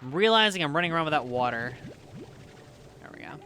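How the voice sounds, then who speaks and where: Bright-voiced woman streamer, slight southern accent, rambly and sweary, talking to chat while she games. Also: low-pitched, lively intonation, fast, faint music behind. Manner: rambling, swears freely, laughs easily, talks to chat. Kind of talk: casual chat while gaming live.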